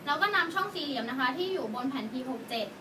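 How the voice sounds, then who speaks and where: A woman's voice: high voice, animated, racing, noisy background. A young woman, a student, demonstrating a procedure step by step, politely and carefully reading out numbers. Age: young adult.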